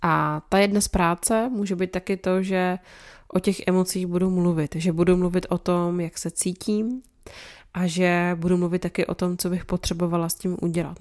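A young woman hosting a podcast, explaining things in a calm, conversational way with many small fillers. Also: fairly low pitch. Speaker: podcast host, psychology topics.

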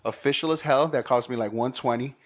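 Mid-pitched man, casual, rambling sports talk. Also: brisk. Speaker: podcast co-host. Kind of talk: casual sports podcast chat.

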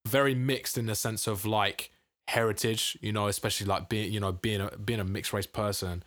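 A man's voice: fairly low pitch, steady tone, normal speed, fairly bright tone, no echo. A man asking questions as an interviewer in an informal, encouraging, conversational way, often agreeing.

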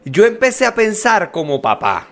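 A man's voice: sits high, moderate pace. A man with a Venezuelan accent, co-hosting a podcast in casual chat, telling stories animatedly and acting out the voices of the people in them. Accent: Venezuelan Spanish. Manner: animated storyteller, acts out quoted voices, laughs often. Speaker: podcast co-host.

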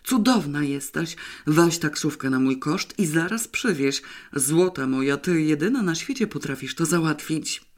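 A sweet-talking male photographer from a storybook reading, his voice lifted and tender, as a man puts him on. He coaxes and flatters without pause. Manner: tender, wheedling, raised pitch. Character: smooth-talking male press photographer, coaxing. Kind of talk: audiobook reading.

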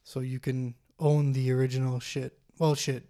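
A man co-hosting a casual music podcast, talking in a relaxed, informal way. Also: medium pitch, normal speed. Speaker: podcast co-host. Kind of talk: casual chat about albums.

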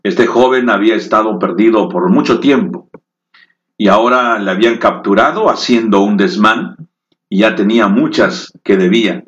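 A man preaching a sermon in slow, emotive storytelling that rises into dramatic peaks. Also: on the low side. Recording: echoey, dull lo-fi room.

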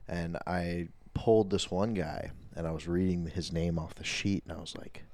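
A young man with a low-pitched voice co-hosting a podcast. He tells stories casually and drops deadpan quips into the conversation. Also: moderate pace. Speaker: podcast co-host. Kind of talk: casual chat.

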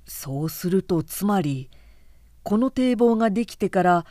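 A man's voice: sits high, lively intonation, unhurried, mellow, no room sound. A woman voicing a wry young male samurai who mutters to himself and answers politely.

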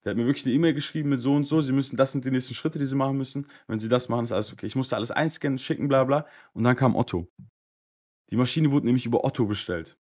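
A man hosting a casual podcast, telling a long anecdote in a slangy, animated way and acting out both sides of the conversations. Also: medium pitch, rapid-fire, lo-fi sound. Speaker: podcast host. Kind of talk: casual storytelling on a live-streamed podcast.

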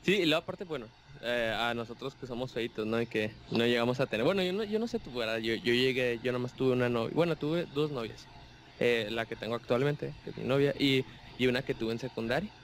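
A man's voice: medium pitch, a little fast, a little hiss or hum. Chatty young Mexican man telling stories. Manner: animated storyteller, acts out voices of others. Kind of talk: casual chat.

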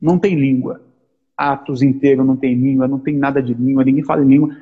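A man, co-hosting a casual theological discussion, talking in an animated, emphatic way and repeating his points. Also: mid-range voice, fast, breathy edge, phone-quality sound. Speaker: podcast co-host.

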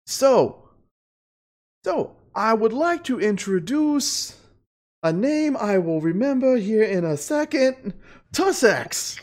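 A man voicing a brash, excitable shady wheeler-dealer in a loud, exaggerated calling manner, for a tabletop game. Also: high voice, takes it slowly, voice pushed up, exaggerated voice. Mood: showy, excited.

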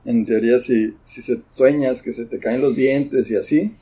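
A man's voice: medium pitch, steady tone, moderate pace, warm tone, husky, poor audio. A young man with a Mexican accent, chatting casually in a laid-back, slangy way. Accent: Mexican Spanish. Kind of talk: casual chat.

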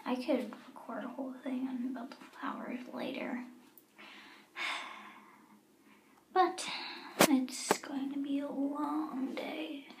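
A weary young captive with numbed plant powers, played by a woman, murmuring a slow audio log. She talks in a light, hushed, half-whispered voice and sighs between thoughts. The recording carries a noticeable room echo. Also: high-pitched. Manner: hushed, sighing, drifting and unhurried. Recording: roomy echo.

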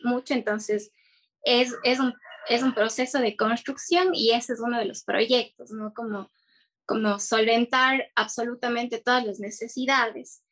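A woman's voice: a little high, fairly even intonation, unhurried, fairly bright tone. A young woman chatting casually in an interview, earnest and hesitant, with many fillers and restarts. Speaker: guest entrepreneur.

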